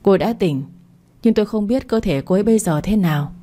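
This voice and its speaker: A woman voicing a reserved, reclusive man who talks in a quiet, measured way. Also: mid-range voice, animated, lightly acted.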